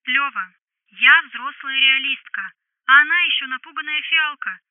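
A sharp-tongued adult woman scolds over the phone, as the narrator puts her on, her voice pushed high and squeezed through a tinny telephone filter. The sound is close and dry, with no room around it. Her lines come out blunt and bossy, straight from an audiobook. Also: normal speed, no room sound. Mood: angry. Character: brash grown woman, blunt ex-lover on the phone. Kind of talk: audiobook dialogue.

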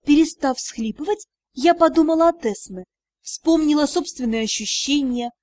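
Woman audiobook narrator, high voice, emotive reading, dry close mic sound. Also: moderate pace, darkish tone, dry recording. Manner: emotive, dramatic. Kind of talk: expressive first-person narration.

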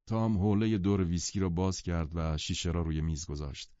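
Deep, dark-voiced male audiobook narrator. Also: no room sound. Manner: measured storytelling. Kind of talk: scripted literary narration. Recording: dry, muffled lo-fi recording.

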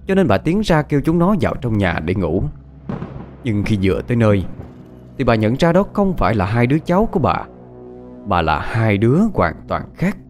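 A low-pitched man narrates a ghost story with dramatic suspense. His voice rises and falls in lively swings, and faint music plays behind him.

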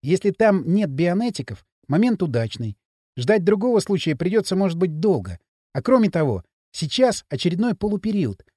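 A man voicing a calm clever girl. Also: sits high, normal speed, dry recording, studio quality. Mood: patient. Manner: patient, reasoning.

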